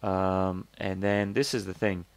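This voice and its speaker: A man talks through a product review in a loose, rambling way, stopping and restarting as he thinks aloud. His voice sits a little low with a gravelly edge. The sound is close and dry, with no room around it. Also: level tone, a little slow, no room sound. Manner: skeptical, conversational. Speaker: host reviewing crowdfunding products. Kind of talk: casual product review talk.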